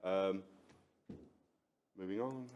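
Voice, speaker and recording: A man giving a business presentation at a conference, speaking in a measured way as he wraps up. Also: sits low, dull audio, slight background noise.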